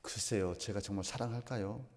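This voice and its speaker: Man, pastor, sermon, emphatic questioning, mellow voice, echoing church hall. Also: on the low side, fairly even intonation. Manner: asks the congregation questions, slow emphatic phrasing. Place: church sanctuary. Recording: long reverb of a church hall.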